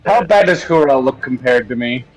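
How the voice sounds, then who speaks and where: A man's voice: mid-range voice, lively intonation, normal speed, poor audio. A man playing a tabletop game, chatting casually, hesitantly thinking aloud and joking. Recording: music playing behind. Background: background music.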